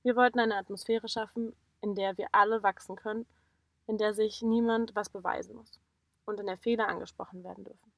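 A woman's voice: mid-range voice, steady tone, a little fast, gravelly, dry recording. A young woman narrating a sailing vlog voice-over in a frank, outspoken and critical way.

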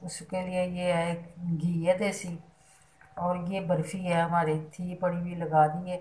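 A middle-aged woman runs a home cooking demonstration from her kitchen for her cooking channel, walking through each step in a homely way and adding blessings. Her voice is lowish and darkish, with little pitch movement and a slightly slow pace. The kitchen echoes, with faint clatter and clinking pots and utensils behind her.

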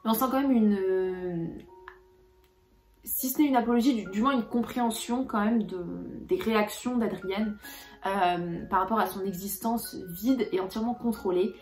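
Young woman rambling about her fave reads, lots of ums, kinda echoey room, soft music behind. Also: medium pitch, normal speed. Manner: hesitant, many filler sounds and restarts. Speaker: book vlogger. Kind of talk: casual book review.

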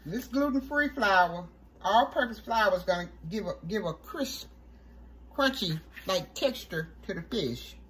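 A woman hosting a cooking show, walking through a recipe step by step in a relaxed, chatty way. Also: mid-range voice, measured pace, slight background noise, poor audio. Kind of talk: casual cooking demonstration.

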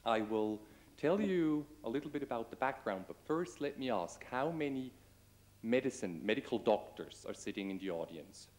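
A Swiss man whose first language is Swiss German gives a conference presentation in a room with a window, picked up by a table microphone. His medium-pitched, slightly mellow voice has lively intonation and a moderate pace, and he addresses the audience directly and asks them questions.

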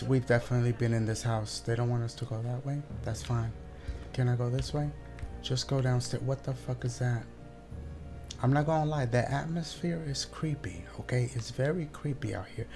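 A young man doing casual, sweary live commentary as a scared horror game streamer talking to his viewers. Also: mid-range voice. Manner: nervous, scared horror gamer, swearing often.

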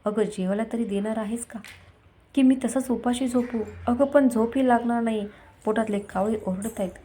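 A woman voicing a worried, loving middle-aged husband who speaks gently and pleads. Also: on the high side, normal speed, a little hiss or hum, lightly acted. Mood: coaxing.

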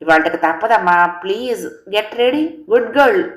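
A woman's voice: mid-range voice, a little fast, natural voice. Woman putting on a pushy impatient dad, scolding, storybook reading, echoey room. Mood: coaxing. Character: impatient domineering middle-aged father. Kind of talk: storybook character voice. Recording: roomy echo.

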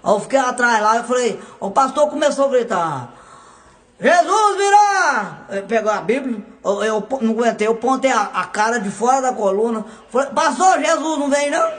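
A man tells comic stories. He delivers them loudly and with laughter, like a stage comedian. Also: extremely high pitch, fairly quick, hardly any pauses. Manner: tells jokes in the first person with a loud, laughing delivery. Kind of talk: comic storytelling.

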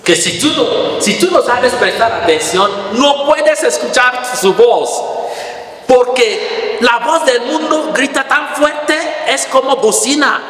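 Slow preacher in an echoey hall. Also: male voice, very high-pitched, animated, fairly bright tone. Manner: halting, repeats words, rising to emphatic. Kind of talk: sermon. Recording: echoey hall with long reverb.

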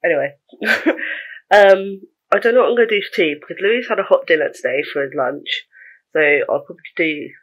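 A woman's voice: fairly low pitch, animated, brisk, lo-fi sound. A young woman vlogging in a casual, rambling way, chatting to the camera about her day with small laughs.

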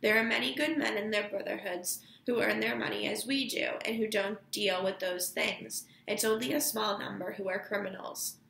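A woman reads out a calm older peacemaker, soothing and reasoning. The voice is bright and a little gravelly. The recording sounds echoey. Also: mid-range voice, moderate pace, hardly any pauses, slight background noise.

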